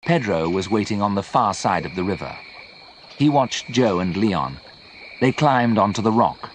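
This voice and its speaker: A man narrating a simple story slowly and clearly for English learners. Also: lowish voice, slight background noise. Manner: slow, clear, expressive.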